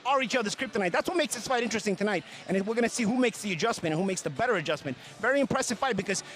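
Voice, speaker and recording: A male boxing analyst previews fights in a very high-pitched voice. He talks quickly and emphatically, circling back to repeat phrases. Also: lively intonation, a bit bright. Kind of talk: live fight preview commentary.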